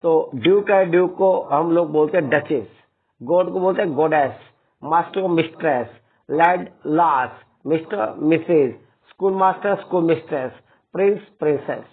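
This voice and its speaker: A man's voice: fairly high pitch, moderate pace, husky. A man teaching English grammar in a classroom lesson, speaking to students as children and often adding a checking tag to his words. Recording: tinny, phone-like lo-fi sound.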